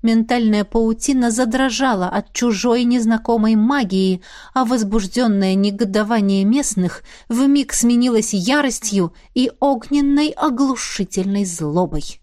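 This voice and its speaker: A woman giving an expressive, dramatic reading as a fantasy audiobook narrator. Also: on the high side, unhurried, no room sound, studio quality.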